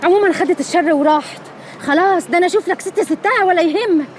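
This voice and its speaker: An actress playing a brisk, bossy Egyptian woman who takes charge of her panicked friend. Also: very high-pitched, slight background noise.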